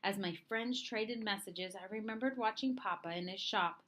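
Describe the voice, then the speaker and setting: This storybook reader brings expression to a children's tale, speaking at medium pitch and a moderate pace.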